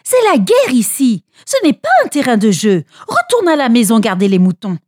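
A woman voicing an angry young man, an older brother who scolds fast and loud. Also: fairly high pitch, wildly swooping pitch, no echo, clean studio sound.

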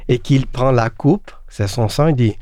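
An earnest man teaches the Bible in a conversation, asking rhetorical questions of his listeners. His voice is dark and mellow, with many fillers and restarts. The recording is close and dry. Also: mid-range voice, no room sound. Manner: halting, with frequent fillers and restarts.

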